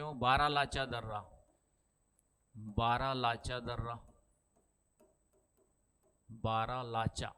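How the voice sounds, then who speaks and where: A man's voice: medium pitch, fairly bright tone, clean tone. A middle-aged male teacher giving a lecture and telling personal stories in a chatty way, often asking the class questions and checking "ठीक है". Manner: keeps saying "ठीक है" and "है ना".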